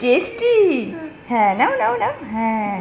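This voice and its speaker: A woman's voice: a little high, big pitch swings, unhurried, creaky, a little mellow, a little hiss or hum. A woman filming her small daughters at home for a casual vlog, coaxing them in a sing-song voice and chatting to viewers.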